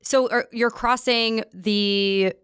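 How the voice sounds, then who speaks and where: A woman's voice: on the high side, steady tone, slow pace, a bit bright, clear, resonant tone, no room sound, studio quality. A woman hosting a casual interview and asking curious, playful questions. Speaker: host.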